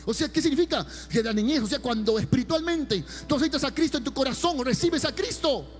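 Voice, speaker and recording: Man, pastor, very high voice, preaching with rising emphasis, soft music underneath. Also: expressive, a little fast. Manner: preaching with rising emphasis, addressing listeners as brother. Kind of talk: sermon.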